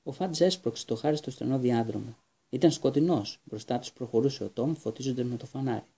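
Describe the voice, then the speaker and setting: Male audiobook narrator, very dark and husky tone, even reading pace. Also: mid-range voice. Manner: steady reading with occasional restarts. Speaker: audiobook reader.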